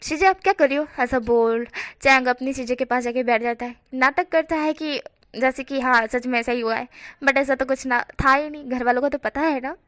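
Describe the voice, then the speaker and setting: A woman's voice: high voice, fairly even intonation, moderate pace, a bit bright, no echo. A woman telling a story in a casual, chatty style, mixing English words into her speech.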